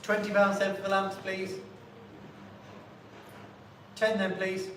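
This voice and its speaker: Here a man running a live auction sings out bids in a rhythmic chant, politely announcing each lot. He speaks slowly in a high, somewhat bright monotone. Faint noise, a distant mic, and heavy room echo mark the audio.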